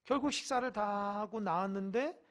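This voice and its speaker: At a moderate pace and in a mid-range voice, a pastor preaches a midweek sermon inside a church sanctuary. His delivery is emphatic, with direct questions to listeners, and it swings from loud calls to action to soft asides.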